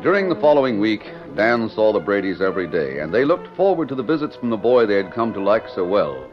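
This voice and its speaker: Low-voiced old radio narrator. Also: male voice, a little fast, over loud music. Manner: steady, formal. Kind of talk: scripted narration. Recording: dull old radio broadcast recording.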